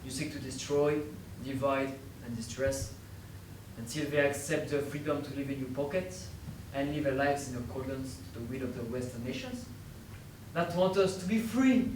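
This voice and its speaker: An actor playing a bitter, defiant captured fighter who fires accusing rhetorical questions, recorded in an echoey room from a distance. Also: male voice, mid-range voice, moderate pace, a little mellow, a little hiss or hum, lightly acted. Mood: sardonic. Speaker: stage actor. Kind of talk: stage play acting. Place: theatre stage.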